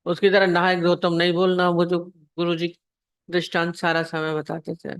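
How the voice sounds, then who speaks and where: A woman's voice: lowish voice, completely flat delivery, normal speed, clear, resonant tone, no echo. A woman spiritual teacher giving a sermon on scripture, telling parables and asking her listeners questions. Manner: storytelling, asks the listeners questions.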